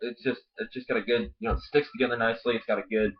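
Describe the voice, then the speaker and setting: A man's voice: mid-range voice, flat delivery, rapid-fire, background noise. A man hosting a casual review video, rambling and swearing, talking with a lip full of dip. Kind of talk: casual product review chat. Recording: dull lo-fi home video audio.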